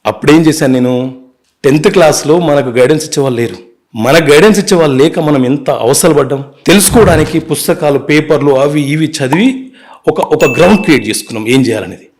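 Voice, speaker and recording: A man who works as an advocate shares his life story during an interview, speaking with a fairly high pitch. He sounds earnest and brisk and slips English words into his speech.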